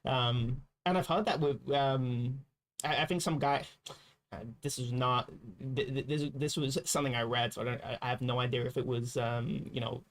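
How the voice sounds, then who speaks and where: A young man whose first language is Slovak co-hosts a livestream, chatting casually in a mid-range voice with fairly even intonation at a moderate pace. He rambles, restarts his sentences, and laughs along the way.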